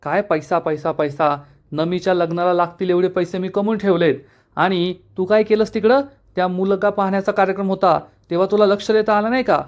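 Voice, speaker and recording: A man's voice: high-pitched, steady tone, fairly quick, natural voice. A man doing a furious husband on the phone. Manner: shouting, scolding over the phone. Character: angry husband working abroad, middle-aged man.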